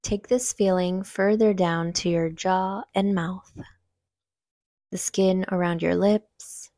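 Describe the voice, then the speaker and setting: A woman's medium-pitched, steady voice guides a meditation through gentle, unhurried instructions. She lets long pauses sit between phrases. The recording is clean studio sound with no room sound.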